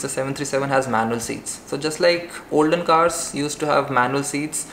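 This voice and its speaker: Gravelly young man explaining cockpit controls. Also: medium pitch. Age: young adult. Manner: brisk, plain explaining with "so" and "moving further down". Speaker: airline pilot. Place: room at home, indoors. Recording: roomy with faint background hiss.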